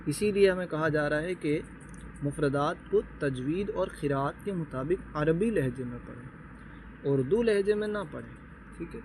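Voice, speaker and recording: A man teaching a beginners' Quran reading lesson, patiently explaining terms, checking with his listeners, and slowly sounding out Arabic letters one by one. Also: on the high side, lively intonation, darkish tone, a little hiss or hum, low-quality recording.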